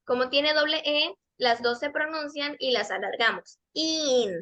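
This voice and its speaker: A woman's voice: sits high, a little slow, bright, forceful tone, highs cut off. A woman English teacher giving a patient pronunciation lesson to kids and teens, explaining step by step and repeating the model words.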